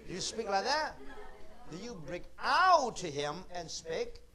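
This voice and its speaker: A middle-aged man with a notably high voice leads a children's Bible class. He asks the same question again and again, coaxing the children to answer, in heavily accented non-native English. He talks slowly and takes his time. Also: sing-song, pushed and bright, some chatter behind.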